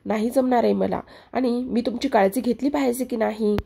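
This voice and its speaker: A woman's voice: a little high, fairly even intonation, moderate pace, gravelly, mellow, a little hiss or hum. A woman reading the lines of a protective young husband who refuses to leave his sick wife. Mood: firm. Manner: firm, protective. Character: young husband, caring and stubborn.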